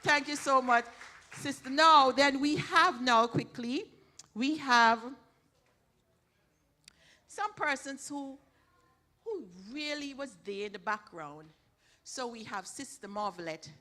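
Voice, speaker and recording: A woman's voice: high-pitched, lively intonation, slow pace, pauses often, sharp tone. A woman leading church announcements, thanking helpers in a chatty way with many restarts. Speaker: church program leader. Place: church hall.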